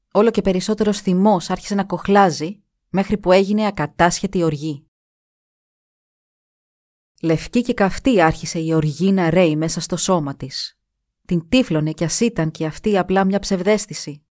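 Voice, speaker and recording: A woman narrating a scripted story in a measured, expressive reading voice. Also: fairly low pitch, no echo, clean studio sound.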